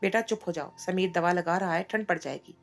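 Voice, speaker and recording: Fussing older mother figure in a storybook, read by a woman: gravelly, lower pitch, affectionate. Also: a little fast, faint music behind. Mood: soothing.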